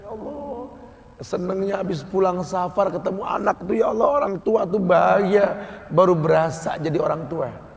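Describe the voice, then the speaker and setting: A man with a Betawi Jakarta accent preaching a storytelling sermon, dropping to soft hushed passages and rising to loud urging. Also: high-pitched, steady tone, normal speed, creaky, crowd noise. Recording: echoey hall reverb.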